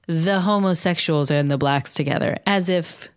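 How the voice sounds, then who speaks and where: A female co-host talks in a slightly low voice for a woman. She is informal and conversational, trading remarks in a podcast chat. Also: normal speed, clean tone. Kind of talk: casual chat.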